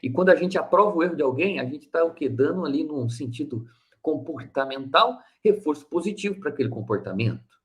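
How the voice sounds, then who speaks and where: A man's voice: a little high, lively intonation, a little fast. A man giving a spiritist teaching talk in a conversational way, acting out little dialogues with a listener. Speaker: spiritist lecturer.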